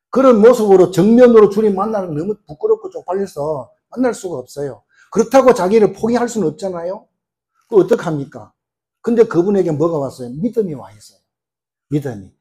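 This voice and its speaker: A middle-aged man preaches a sermon with plenty of rhetorical questions and quick acted-out quotes. His voice sits a little high for a man, but the tone is mellow and warm. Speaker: pastor.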